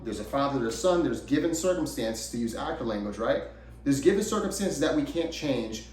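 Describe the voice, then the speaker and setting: Emphatic man coaching actors, roomy sound. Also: medium pitch. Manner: emphatic, repetitive lists. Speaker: acting coach. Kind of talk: motivational video lesson. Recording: roomy, distant mic.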